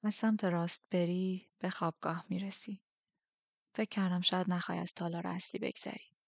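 A woman voicing a calm, commanding man who speaks quietly, in a low measured near-whisper. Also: gravelly, no echo.

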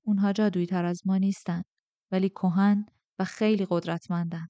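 Lady voicing a low-key commanding guy, quiet and controlled, dry sound. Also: flat delivery, no room sound, highs cut off, natural voice. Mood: calm. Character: powerful commanding man, calm and quietly dangerous.

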